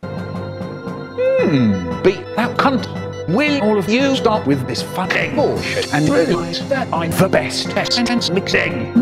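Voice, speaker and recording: A man's voice: wildly swooping pitch, slow pace, loud music behind the voice. Spliced together words, choppy man. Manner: choppy, boastful, sweary. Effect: spliced together words cut from recordings, pitch and loudness jumping between words. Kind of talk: comic sentence-mixing rant.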